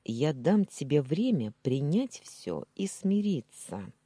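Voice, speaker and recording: A stern, domineering man, read by a woman speaks in short, calm, quietly menacing orders. The voice is slow and husky, with a dark warmth, like a romance audiobook reading. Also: low-pitched, dry recording, full character voice. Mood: cold, commanding.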